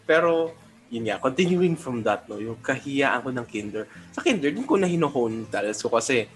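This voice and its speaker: A young man co-hosting a podcast, telling childhood stories in lively Tagalog and acting out quoted dialogue. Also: medium pitch, normal speed, faint music behind. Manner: animated storyteller, acts out quoted dialogue. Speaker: podcast co-host. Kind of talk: casual storytelling.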